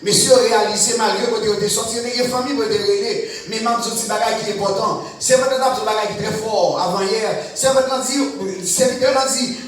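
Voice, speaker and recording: A man preaching a sermon, repeating a short blessing between phrases and building to loud, chanted repetitions, recorded in a church sanctuary. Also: high-pitched, fairly even intonation, quick pace, hardly any pauses, slight background noise. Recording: very echoey church from far off.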